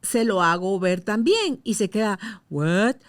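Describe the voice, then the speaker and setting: A woman's voice: medium pitch, very animated, moderate pace. A woman hosting a podcast interview, chatting and sharing personal anecdotes. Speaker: podcast host. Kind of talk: conversational interview.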